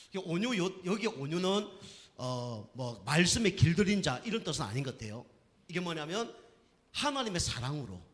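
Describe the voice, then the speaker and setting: A man's voice: a little high, fairly bright tone. A man preaching a sermon on evangelism as pastor, telling stories with emphatic repetition, in a church sanctuary. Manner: storytelling with acted quotes, emphatic repetition. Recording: long hall reverb.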